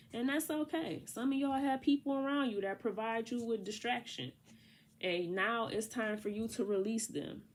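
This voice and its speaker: A female tarot reader with a mid-range voice gives a casual reading, chatting to the viewer in a slangy way. She sounds congested from allergies, and there is a little hiss or hum on the audio.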